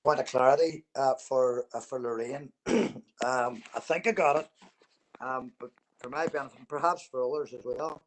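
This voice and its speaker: Hesitant councillor on iPad. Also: male voice, medium pitch, moderate pace, poor audio. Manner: hesitant, many fillers. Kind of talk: formal meeting question. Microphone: iPad on a remote call.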